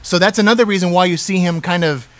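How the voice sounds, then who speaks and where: A man's voice: high-pitched, fast talker, no echo. A man hosting a casual radio talk show, chatting and reading out movie trivia.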